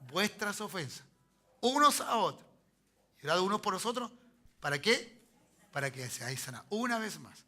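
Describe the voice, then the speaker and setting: A Chilean pastor preaching to his congregation in a high, very bright voice. He keeps it conversational, checking in with the room and having them say lines back to him. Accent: Chilean Spanish. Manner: conversational preaching, frequent "¿me entiendes?" and call-and-response. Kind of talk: sermon.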